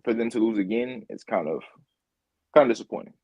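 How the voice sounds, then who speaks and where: A man's voice: medium pitch, a little fast, a little mellow, no echo, lo-fi sound. A man co-hosting a podcast, chatting casually about football, repeating himself and laughing easily. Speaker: podcast co-host. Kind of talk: casual sports chat.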